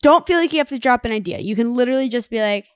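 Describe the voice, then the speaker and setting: A woman's voice: on the high side, lively intonation, racing, smooth, dry recording. Woman co-host, chatty, reads listener reviews, dry close mic. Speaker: podcast co-host. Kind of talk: casual chat.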